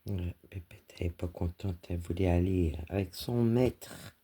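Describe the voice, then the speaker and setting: A woman's voice: rumbling low, moderate pace, mellow, slightly rough. A woman cross-stitch vlogger chatting casually while she stitches and talks fondly to her dog.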